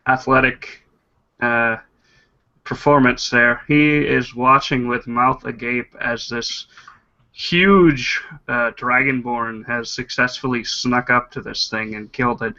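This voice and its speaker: A man's voice: mid-range voice, bright, forceful tone, dull audio. A man playing a tabletop role-playing game, narrating his character's moves with frequent hesitations. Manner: hesitant, many uh's, vivid narration. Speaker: player. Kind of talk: casual tabletop play and narration.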